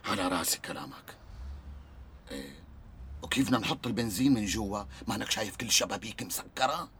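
An actor with a Levantine Arabic accent playing a nervous friend who reluctantly joins a dangerous plan. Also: male voice, lowish voice, lively intonation, fast, a bit bright, breathy edge, full character voice. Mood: worried. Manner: anxious, pleading.

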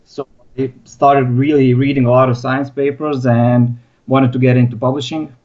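Over a remote Skype call with dull, lo-fi sound, a young man from Bosnia chats informally as a podcast guest; he researches sports science. He speaks with a Balkan accent in a mid-range, level, a little mellow voice at a moderate pace.

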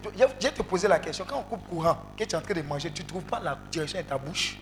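A male preacher leading an interactive sermon, calling out to the congregation and breaking into loud exclamations. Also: high voice, fast, a little hiss or hum. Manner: animated, calls out to the congregation, bursts into loud exclamations. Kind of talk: interactive sermon with call and response.

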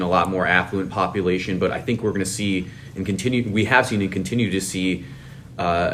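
Deep-voiced man explaining as a podcast guest. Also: a little hiss or hum. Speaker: podcast guest, financial advisor. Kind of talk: conversational professional explanation.

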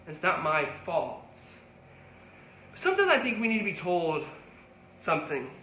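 A man's voice: high-pitched, wildly swooping pitch, normal speed, bright, forceful tone, slight background noise. A man preaching a sermon, earnest and pleading, with repeated calls to his listeners. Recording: echoey room with faint ambience.

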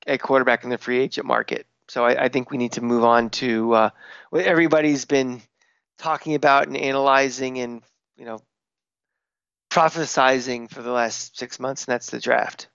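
A man co-hosting a casual sports podcast, blunt and opinionated, talking in quick bursts. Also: medium pitch, fairly even intonation, vocal fry, fairly bright tone, clean tone, no echo, lo-fi sound. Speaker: podcast co-host.

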